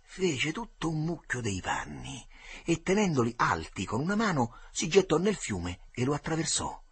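A man reading literary prose aloud with expressive, dramatic delivery. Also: fairly high pitch, normal speed, slightly rough. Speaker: reader.

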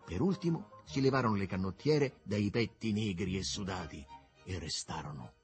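A man narrating a literary novel with an expressive, swooping storytelling delivery. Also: deep voice, moderate pace, faint music behind.

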